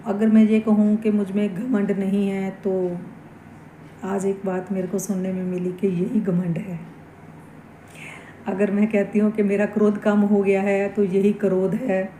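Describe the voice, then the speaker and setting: A woman shares reflective spiritual thoughts in an unhurried, earnest way. Her tone is mellow and fairly flat, without much lift. The room around her is echoey, with a faint hiss underneath. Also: medium pitch. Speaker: devotional vlogger. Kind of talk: casual spiritual talk.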